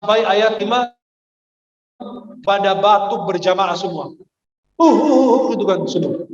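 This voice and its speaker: Guy preaching in a funny storytelling way, really high voice, dull lo-fi sound. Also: unhurried, roomy sound. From Egypt. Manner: lively storyteller who acts out the people in his stories. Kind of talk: humorous Ramadan sermon with anecdotes. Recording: dull lo-fi recording.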